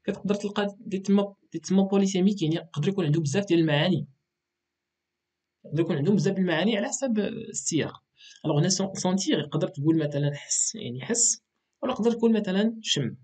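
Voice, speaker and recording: A man with a Moroccan accent teaches an exam revision lesson at a fast clip. His voice sits a little high and has a husky edge. He explains patiently and keeps checking in with the class. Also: a little mellow. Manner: mixes Moroccan Arabic and French, explains patiently with frequent "ok".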